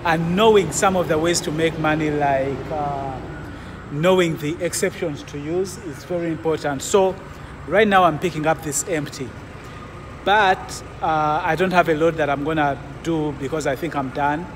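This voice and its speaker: Speaking at normal speed in a slightly high voice, this forty-something trucker explains things casually to his vlog audience and gives advice. The handheld phone or camera picks up noisy vehicle ambience, mostly in the truck cab and occasionally outside.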